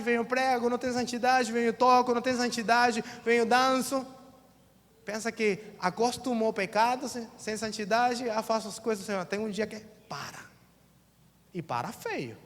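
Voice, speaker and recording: Brazilian male pastor, high voice, colloquial sermon delivery that acts out quotes, long reverb of a church hall. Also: steady tone, moderate pace, fairly bright tone. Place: church sanctuary.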